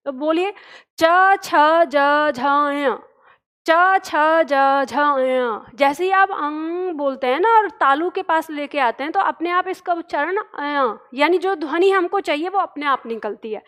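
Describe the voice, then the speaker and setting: A woman's voice: extremely high pitch, fairly bright tone. A woman teacher giving an online grammar lesson, explaining step by step and saying the sounds aloud for students to copy.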